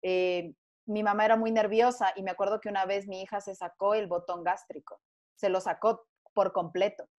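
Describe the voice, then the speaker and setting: A woman speaks as a guest in a conversational panel. Her voice sits at a middling pitch. She tells her story earnestly, often restarting her sentences. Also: steady tone, normal speed, darkish tone. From Ecuador.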